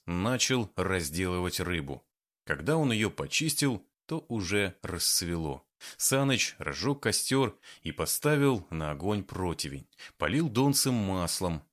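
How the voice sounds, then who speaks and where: A man narrating an audiobook in an expressive storytelling voice. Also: lowish voice. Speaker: audiobook reader. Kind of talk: scripted narration.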